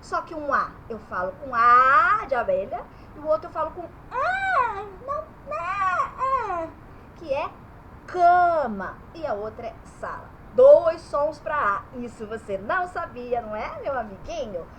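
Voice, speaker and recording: A woman's voice: high voice, lively intonation, normal speed, pushed and bright, a little hiss or hum, low-quality recording. A woman teaching young children about letters and vowel sounds in her bedroom, stretching the vowels as she speaks.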